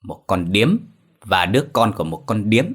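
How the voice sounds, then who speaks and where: A menacing stepfather from a horror audiobook, read by a man, low-voiced and contemptuous. He speaks in a bullying, threatening tone. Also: expressive, normal speed, fairly bright tone, husky. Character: abusive brutish middle-aged stepfather, bullying.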